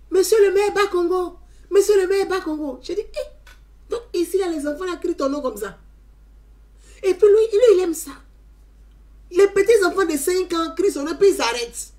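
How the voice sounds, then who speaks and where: A woman telling an animated story as a testimony. She talks emphatically, repeats her phrases and often adds "hein". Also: sits high. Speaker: community member giving a testimony.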